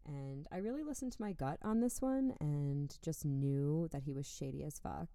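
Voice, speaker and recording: Low-voiced, mellow woman chatting candidly. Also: moderate pace, no room sound, clean studio sound. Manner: candid, swears freely, laughs often. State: tipsy, hiccuping from wine. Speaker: podcast co-host. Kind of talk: casual chat.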